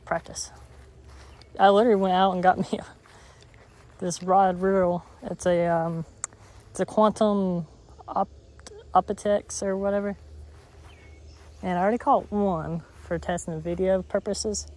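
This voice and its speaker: A man's voice: high-pitched, steady tone, a little slow, long pauses, a little mellow. Rambling man filming himself fishing. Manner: rambling, self-correcting, offhand. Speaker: fishing vlogger. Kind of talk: casual outdoor fishing commentary. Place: outdoors at a grassy pond. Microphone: chest-mounted camera.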